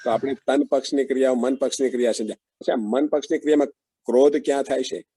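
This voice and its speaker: A man's voice: medium pitch, fairly even intonation, mellow, husky, no room sound. A man leading an interactive online teaching session over a video call, asking the group questions and affirming their answers. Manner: slow, questioning, frequent affirming murmurs. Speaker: workshop facilitator.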